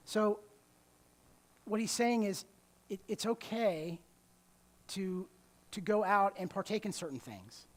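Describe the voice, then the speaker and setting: A man giving a conversational church talk, often restarting words and checking in with his listeners. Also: high-pitched. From United States. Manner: conversational, repeats words while restarting, checks in with "okay?" and "right?". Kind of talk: sermon-style talk.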